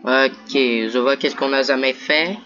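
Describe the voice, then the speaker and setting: A man's voice: mid-range voice, fairly even intonation, slow, sharp tone, faint music behind. A man chatting casually as he plays a co-op video game. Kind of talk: casual gaming chat during co-op play. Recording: dull lo-fi audio, other voices behind. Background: other people talking.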